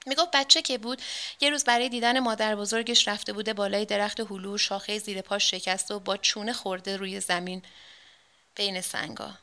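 A woman narrating a story in a measured, dramatic reading style. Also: mid-range voice, fairly even intonation, sharp tone.

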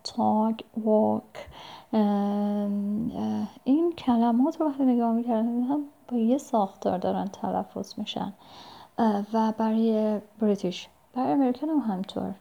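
Hesitant woman with a gravelly, mellow voice. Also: on the high side. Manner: hesitant, many pauses and fillers; politely formal phrasing. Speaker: language learner giving advice. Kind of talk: casual spoken advice. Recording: dull lo-fi recording.

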